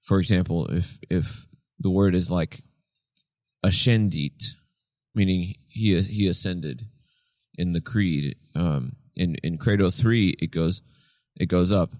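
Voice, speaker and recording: A man with a very deep, tired voice talks through an explanation in a relaxed podcast chat. The sound is dry and close, with no room echo. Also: slow. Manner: explains at length, sings snippets of chant to illustrate. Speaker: podcast co-host. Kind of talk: casual chat.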